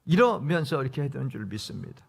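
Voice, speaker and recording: A man's voice: medium pitch, very animated, fast, vocal fry, husky. A middle-aged male guest pastor preaching a revival sermon in a church, emphatic, acting out little scenes of dialogue. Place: church sanctuary.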